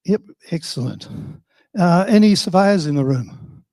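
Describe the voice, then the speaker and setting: An older Australian man gives an informal conference presentation, plain-spoken and wryly self-deprecating, in an animated way at a measured pace. His voice is high-set, soft and mellow. The recording is dry and close, with almost no room sound.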